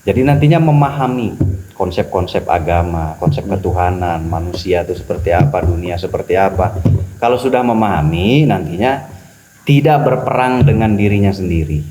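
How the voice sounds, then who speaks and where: A man talking as a spiritual teacher on a podcast, animated and preachy, repeating key phrases for emphasis. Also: low voice, moderate pace, background noise. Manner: acts out quoted voices. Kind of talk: podcast religious talk.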